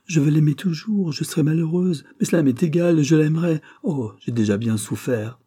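A man's voice: medium pitch, lively intonation, normal speed, dark tone, breathy edge. A man reading the part of a tearful young woman who fears her fiancé does not love her, in a plaintive, pleading way.

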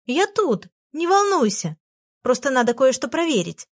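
A woman voicing a small, cheeky and proud female fairy in a high, perky voice. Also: very animated, normal speed. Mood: reassuring.

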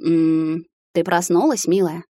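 A woman voicing a determined young male corporate leader who speaks in a calm, dry, teasing way. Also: lowish voice, slow.

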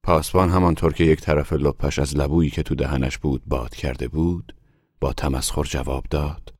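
A man reading a literary short story aloud in a measured, even way. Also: extremely low pitch, dry recording, studio quality. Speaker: audiobook narrator. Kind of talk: scripted literary narration.

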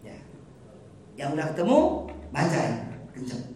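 Animated male Quran teacher in echoey hall. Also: on the high side, normal speed, slight background noise. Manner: animated, joking, colloquial. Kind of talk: lively study-circle teaching. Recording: echoey hall, mic far off.

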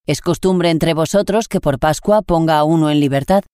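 A reader with a Spain Spanish accent voicing a stern Roman governor questioning a prisoner in a measured way. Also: mid-range voice, a little mellow, clear, resonant tone, dry recording, studio quality, natural voice.

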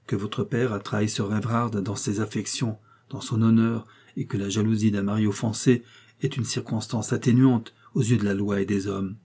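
A man reading aloud plays a reluctant, anxious aunt who speaks hesitantly and pleads. The voice stays dark and slightly husky, as in a spoken storybook. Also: fairly low pitch, little pitch movement, moderate pace.

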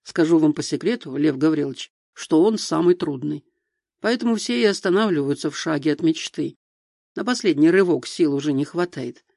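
A man's voice: fairly high pitch, animated, moderate pace, gravelly, darkish tone, no echo, studio quality. A man reading a big skeptical joker. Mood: mocking. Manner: wry, skeptical.

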